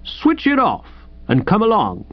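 A man voicing a stubborn, suspicious policeman who speaks bluntly and gruffly. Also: high voice, wildly swooping pitch, a little slow, dry recording, soft background music, pitched above the performer's own voice, heavily acted. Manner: blunt and gruff, clipped protests. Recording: dull, dry studio recording.

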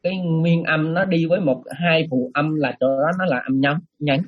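Husky monk teaching over a dull line. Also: male voice, fairly high pitch, level tone, moderate pace, dry recording. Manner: explains patiently, repeats key sounds. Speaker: monk teaching Pali chanting. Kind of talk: online class instruction.

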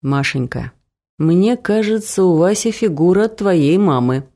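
A woman reading the lines of a bewildered, quietly spoken husband in an audiobook. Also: on the low side, lively intonation, unhurried. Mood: stunned.

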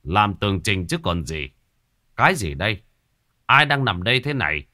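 A man's voice: fairly low pitch, sing-song, moderate pace, pushed and bright, dry recording, studio quality, heavily acted. A man doing a stern old village chief. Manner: stern, commanding. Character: stern old former village chief, proud but shaken.

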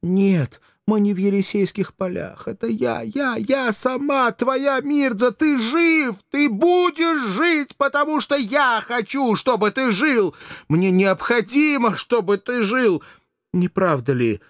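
A man's voice: mid-range voice, fairly even intonation, normal speed, a little mellow, husky, dry recording, studio quality, pitched above the performer's own voice, lightly acted. A man reading an audiobook, voicing a desperate, grieving young woman who pleads passionately in a strained, raised voice. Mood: passionate pleading.

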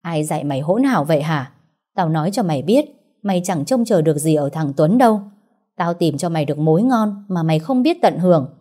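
A woman voicing a domineering old grandmother who shouts and scolds with scorn. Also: deep voice, animated, a little fast. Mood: scolding.

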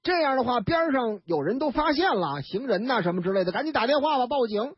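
Beijing storyteller, animated, chatty, husky voice, dull dry radio recording. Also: medium pitch, brisk, no room sound. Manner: chatty, animated, full of sound effects and asides.

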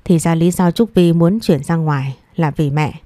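A woman's voice: low-pitched, moderate pace, warm tone, no room sound, studio quality, natural voice. A woman voicing an adult man, a weary son standing up to his mother in an audio story, speaking firmly. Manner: firm, tired.

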